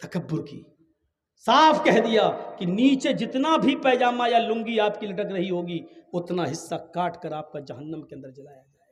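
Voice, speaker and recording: A man preaching a sermon, swinging from calm storytelling to shouted exhortation and acting out dialogue in his stories. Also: sits high, in a large hall.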